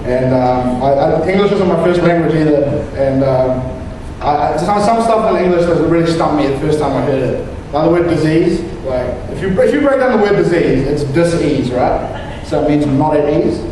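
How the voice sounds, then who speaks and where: A man's voice: on the high side, animated, normal speed, few pauses, background noise. Casting note: young male comic from New Zealand, rambling set with many restarts, heard in a roomy hall with a long tail. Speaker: stand-up comedian. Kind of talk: stand-up comedy set. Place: comedy venue stage. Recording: echoey hall, mic picked up from a distance.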